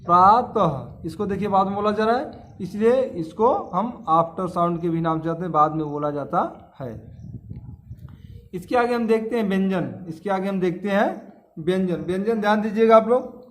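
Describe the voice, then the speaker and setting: Male schoolteacher, high voice, drills terms, asks the class questions. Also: brisk. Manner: repeats key terms, quizzes students with questions. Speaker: teacher. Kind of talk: classroom grammar lesson.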